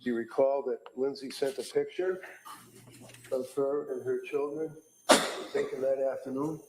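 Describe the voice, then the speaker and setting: A man working as a defense attorney, cross-examining a witness in a courtroom recording, halting and repeating his words as he leads the questions. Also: mid-range voice, steady tone, heavy background noise.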